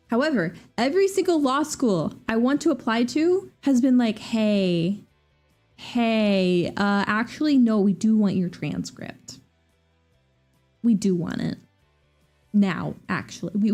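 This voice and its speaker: A young woman chatting casually on her stream, lively and squeaking high when she quotes people. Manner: animated, jumps to high squeaky voices when quoting people. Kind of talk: casual chat. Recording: faint music behind.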